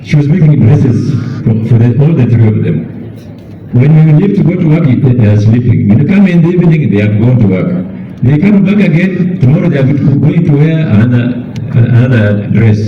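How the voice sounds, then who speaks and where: A mature Kenyan man giving a eulogy as a bereaved father, speaking deliberately and repeating words for emphasis. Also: medium pitch, slight background noise. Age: middle-aged or older. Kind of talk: eulogy speech. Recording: echoey, distant, dull public-address sound.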